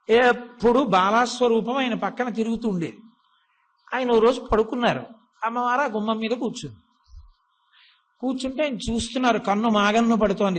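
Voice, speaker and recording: A man's voice: very high-pitched, a bit bright. A man giving a devotional discourse. He tells a story, retells its dialogue in his own voice, and poses rhetorical questions that he then answers himself. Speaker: religious discourse speaker.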